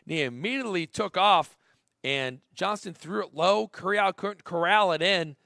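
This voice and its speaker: Baseball play-by-play man, slightly high voice. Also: normal speed, creaky, no room sound, clean studio sound. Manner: rises to excited shouting on big plays, conversational asides between pitches. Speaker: play-by-play announcer. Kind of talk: live baseball play-by-play commentary.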